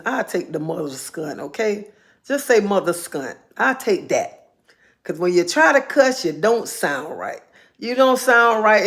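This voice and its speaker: A woman, talking in a casual live-stream monologue, earnest and heartfelt, repeating herself for emphasis. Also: medium pitch. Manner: earnest, heartfelt storytelling with repetition.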